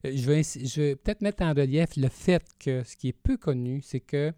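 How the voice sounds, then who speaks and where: A man with a Quebec French accent co-hosting a conversational podcast, explaining in a measured, somewhat hesitant way. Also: on the high side, warm tone, dry recording, studio quality. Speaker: podcast co-host, counselling professional.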